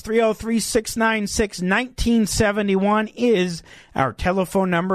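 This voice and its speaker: A man with a high voice hosts a local talk radio show, delivering commentary and interviews in an emphatic, opinionated, conversational way. He's on a studio microphone, with clean studio sound and no echo.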